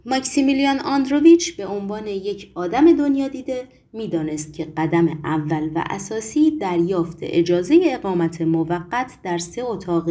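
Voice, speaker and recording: Woman audiobook narrator, animated pitch, mellow timbre. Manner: expressive storytelling.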